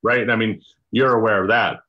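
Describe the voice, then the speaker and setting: Older man explaining haltingly on a dull call. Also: lowish voice, steady tone. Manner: halting, many restarts and fillers, explaining. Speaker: doctor presenting a product. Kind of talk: casual explanatory chat on a video call. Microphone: video call. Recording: dull lo-fi video call audio.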